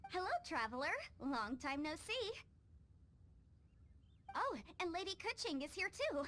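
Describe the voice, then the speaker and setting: A woman's voice: extremely high pitch, sing-song, unhurried, a bit bright, slight background noise, heavily acted. An actress playing a chatty, self-assured young woman consultant in a video game cutscene, breezy and earnestly self-justifying. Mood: friendly. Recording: faint music behind the voice. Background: background music.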